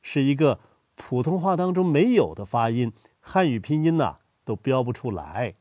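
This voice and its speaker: A man's voice: mid-range voice, moderate pace, no room sound, studio quality. An older man from Hubei playing a grandfather, explaining dialects in a scripted educational dialogue and chuckling as he goes. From Hubei, China. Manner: animated storytelling, chuckles often.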